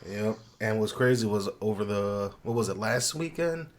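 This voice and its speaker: A man's voice: on the low side, lively intonation, moderate pace. A man sick with the flu and a swollen throat, chatting casually and bluntly as a podcast co-host. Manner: blunt, freely swearing.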